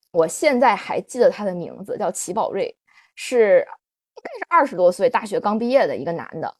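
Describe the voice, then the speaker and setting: A woman's voice: medium pitch, dry recording, clean studio sound. A woman podcast host sharing a personal story on a livestream, candid and full of fillers. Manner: animated, confessional, many fillers.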